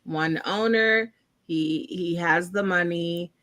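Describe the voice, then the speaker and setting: A woman's voice: fairly low pitch, takes it slowly, a bit bright. Woman with a D.C. debating casually. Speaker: podcast panelist.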